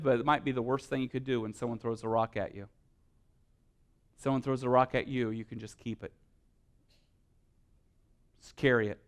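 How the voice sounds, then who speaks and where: A male pastor preaching a sermon, animated and playful, acting out little scenes and asking the congregation questions. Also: medium pitch.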